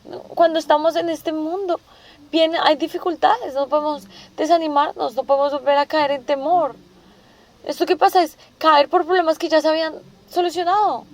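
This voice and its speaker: Preaching a sermon in a notably high voice, a woman keeps a steady tone and moderate pace. She repeatedly puts rhetorical questions to her listeners and restates each point several times before moving on.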